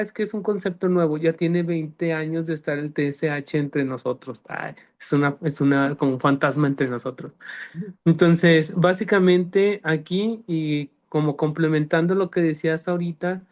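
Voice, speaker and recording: A man's voice: fairly high pitch, moderate pace, darkish tone. Man explaining speech therapy terms. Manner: didactic, checks understanding with "¿sí me explico?". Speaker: speech-language specialist guest. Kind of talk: explanatory panel talk.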